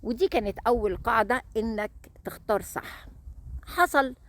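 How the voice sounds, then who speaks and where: A woman's voice: fairly high pitch, lively intonation, moderate pace, fairly bright tone. A woman with an Egyptian accent giving marriage advice in an emphatic way, stressing points by repeating words. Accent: Egyptian Arabic. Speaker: relationship advice host.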